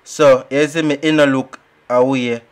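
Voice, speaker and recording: A young Jamaican man streaming a shooter game, talking through it in excitable, rambling trash talk. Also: mid-range voice, unhurried. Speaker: gaming streamer. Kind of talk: live gameplay commentary.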